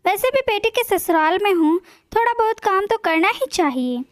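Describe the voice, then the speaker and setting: A woman voicing a scheming middle-aged mother, sly and soothing, high voice, dry sound. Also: animated, normal speed, no room sound.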